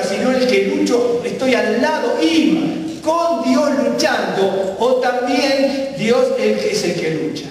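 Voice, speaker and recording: High-voiced man teaching in an echoey hall. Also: far from the mic, a little hiss or hum. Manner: explanatory, often checks with listeners. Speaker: Bible teacher. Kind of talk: sermon-style Bible teaching.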